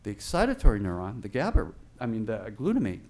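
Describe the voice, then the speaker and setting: A man teaches a class in a large hall, and his voice echoes back off the walls. He explains patiently in small steps and pauses to check in with his listeners. The hall reverb stays on every phrase. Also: on the low side, wildly swooping pitch, darkish tone. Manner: explanatory, checks in with "okay?" and car analogies. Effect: echo of a big hall on his voice. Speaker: lecturer. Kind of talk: teaching lecture on brain science.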